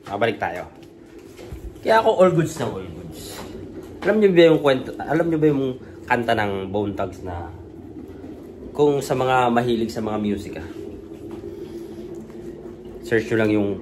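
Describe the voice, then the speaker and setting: A man's voice: medium pitch, lively intonation, measured pace, long pauses, background noise. A man from the Philippines chatting casually to viewers in the morning, his voice thick and congested from a cold and sinus trouble, so some mistake him for drunk. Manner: loose and rambling, repeats a catchphrase often. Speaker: overseas worker vlogger.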